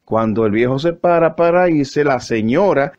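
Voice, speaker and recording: A man's voice: medium pitch, animated, normal speed, darkish tone. A man telling a joke on the radio in a playful, sing-song way, on muffled lo-fi sound. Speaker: joke teller. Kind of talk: comic storytelling on radio.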